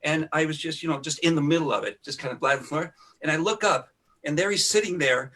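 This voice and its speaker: Bright-voiced man telling studio stories. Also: a little high, fast. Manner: rambling anecdotal, thinks aloud with fillers. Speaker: podcast guest, recording engineer. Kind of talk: casual storytelling conversation.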